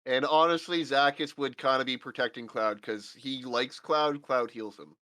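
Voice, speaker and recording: Tabletop player, man, sharp bright tone, teasing banter. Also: medium pitch. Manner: teasing, quick to argue. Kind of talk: casual chat at a tabletop game.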